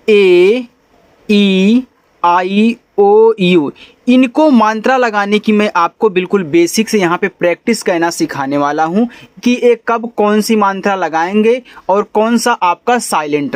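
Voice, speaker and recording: Male phonics tutor with a high voice and a dry, close sound. Spells letters out slowly, then explains each rule patiently and checks in with the student. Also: no echo. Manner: repeats rules, checks in with the learner. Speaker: English teacher. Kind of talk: beginner phonics lesson.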